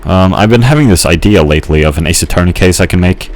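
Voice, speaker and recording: A man's voice: low voice, fast. A man casually rambling while playing a game, hesitant, with many fillers and restarts. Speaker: gamer narrating his gameplay.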